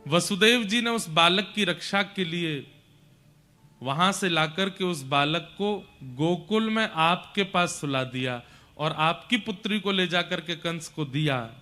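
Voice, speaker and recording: A man's voice: fairly high pitch, takes it slowly, sharp tone. A man voicing a solemn, hesitant male royal messenger who delivers grave news reluctantly.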